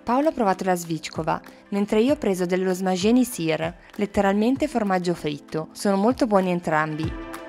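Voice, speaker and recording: Mid-range and a little mellow, this woman's voice is animated at a moderate pace as she narrates a scripted travel vlog with quick casual asides. Background music sits under her speech.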